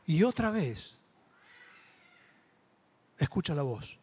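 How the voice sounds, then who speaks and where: A man's voice: a little high, big pitch swings, takes it slowly, a little mellow, a little hiss or hum. A man with a Rioplatense Spanish accent preaching a sermon, telling a story with acted-out voices and building to emphatic exhortation.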